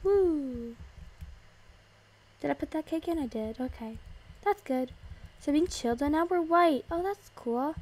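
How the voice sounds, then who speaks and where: A young woman giving casual, excitable commentary as she plays a video game, gasping and squealing at surprises. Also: high-pitched, moderate pace. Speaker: gaming video host.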